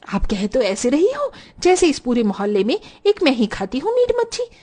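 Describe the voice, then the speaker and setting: A woman voicing a cheeky young woman tenant in an animated story, talking back in a mocking way. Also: sits high, normal speed, exaggerated voice. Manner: sassy, mocking.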